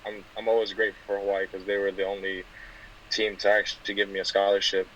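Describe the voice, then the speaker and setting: Low, flat-voiced young man, laid-back. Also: fast talker, dull audio, slight background noise. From California. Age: 20s. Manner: soft-spoken, many fillers and restarts. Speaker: guest football player. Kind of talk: casual interview.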